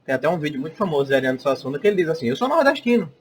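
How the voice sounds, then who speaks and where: A man's voice: on the high side, racing, a little mellow, a little hiss or hum. A young man with a Northeastern Brazilian accent teaching an online class. He keeps checking in with "tá?" and "né?" as he talks. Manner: chatty, checks in often with "tá?" and "né?".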